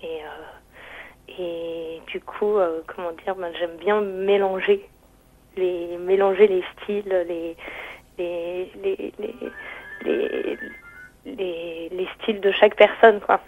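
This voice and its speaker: A woman's voice: on the low side, steady tone, slow pace. A woman with a thin, tender, slightly retro voice and rolled R's, answering casually and hesitantly as a radio interview guest. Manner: rolls her R's; hesitant, searching, frequent repetitions. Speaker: singer interviewed as phone-in guest. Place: on a phone call to radio. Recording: band-limited telephone line, dry.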